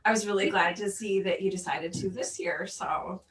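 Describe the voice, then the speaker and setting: A woman's voice: medium pitch, steady tone, normal speed, reverberant, recorded from a distance. A woman co-hosting a podcast, chatting reflectively and conversationally. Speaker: podcast co-host. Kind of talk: casual chat.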